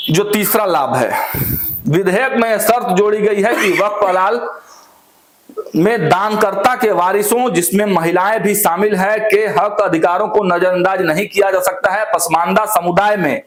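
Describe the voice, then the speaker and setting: A man's voice: sits high, unhurried. A man commentating on political news, walking viewers through points step by step and speaking to them directly. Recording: echoey room.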